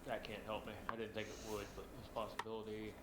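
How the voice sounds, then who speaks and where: A man's voice: lowish voice, monotone, fast talker, very noisy. A man playing a tabletop game, thinking aloud and reading out spell rules. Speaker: player. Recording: echoey room.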